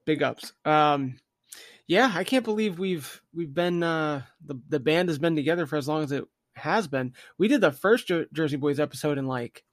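A man's voice: fairly high pitch, normal speed, dry recording, clean studio sound. A man hosting a podcast in a casual, chatty style. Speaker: podcast host.

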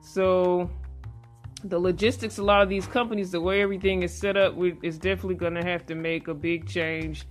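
A woman hosts a casual conversational interview in a folksy, earnest style, her voice slightly muffled by a face mask while guitar music plays behind her. She speaks briskly, with a fairly low pitch and fairly even intonation.

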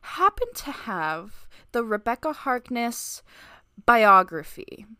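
A young woman co-hosts a casual podcast, talking in a relaxed, irreverent way. Her voice sounds close and dry, with no room echo. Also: fairly high pitch, slow, clean tone. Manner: laid-back and irreverent. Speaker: podcast co-host. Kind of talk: casual chat.

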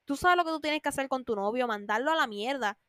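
A woman hosting a podcast, animated, acting out whiny friends in a higher voice. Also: quick pace, dry recording, studio quality. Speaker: podcast host. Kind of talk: casual monologue.

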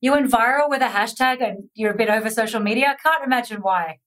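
A woman interviewer asking quick-fire questions in a brisk, prompting manner. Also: fairly high pitch, a bit bright.

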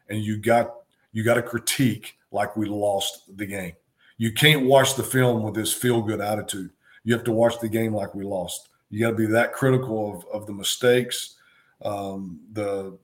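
Co-hosting a sports talk show, a middle-aged ex-football coach talks in a fairly low pitch, hesitating often, filling gaps with ums and restarting sentences.

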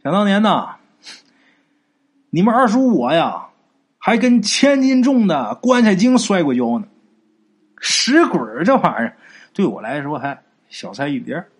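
A man voicing a strong, cocky young village man who brags in a low, easygoing voice. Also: big pitch swings, unhurried, long pauses, slightly rough, exaggerated voice. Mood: boastful.

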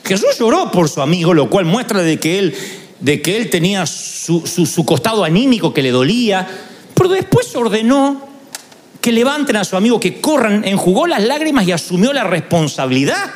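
A man's voice: high voice, very animated, normal speed. A man preaching a sermon, telling stories with humorous asides.

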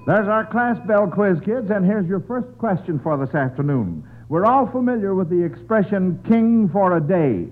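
A man's voice: sits high, sing-song, normal speed, hardly any pauses. An American man hosting a quiz in the style of a 1940s radio announcer, on an old broadcast recording. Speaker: quiz show host. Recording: tinny band-limited old radio recording.

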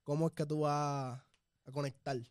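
Playful man asking questions, slightly high. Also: flat delivery, moderate pace, darkish tone, smooth, no echo, clean studio sound. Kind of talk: casual chat.

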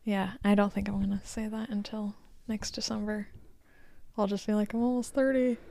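A heavily pregnant woman in her late twenties, co-hosting a podcast in casual, rambling chat and quoting herself in lively asides. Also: mid-range voice, moderate pace, vocal fry, no room sound. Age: 20s. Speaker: podcast co-host.

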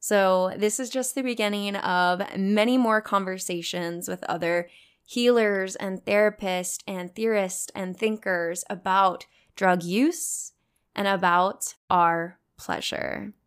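A woman's voice: mid-range voice, steady tone, slow pace, clear, resonant tone. A woman hosting a podcast, speaking earnestly and affirming her guest in a casual interview. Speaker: podcast host.

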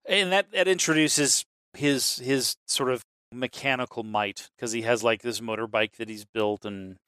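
A man's voice: mid-range voice, moderate pace, clear, resonant tone, dry recording. A man co-hosting a casual movie chat, rambling and swearing as he tells scenes. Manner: rambling, profane, animated storytelling. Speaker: podcast co-host.

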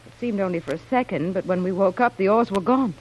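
Acting in a 1940s radio drama, a woman earnestly plays a plucky, shipwrecked young wife weaving a cover story. Her voice is medium-pitched, natural and a little mellow, and she talks fast. The sound is lo-fi, a noisy vintage radio recording.

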